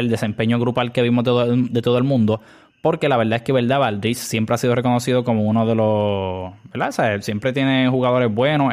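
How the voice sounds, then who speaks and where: A young man with a Puerto Rican accent talks through his podcast in a loose, chatty way. He leans on fillers and slips English words into his speech, at a middle pitch for a man. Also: darkish tone. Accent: Puerto Rican Spanish. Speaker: podcast host. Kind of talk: casual podcast monologue.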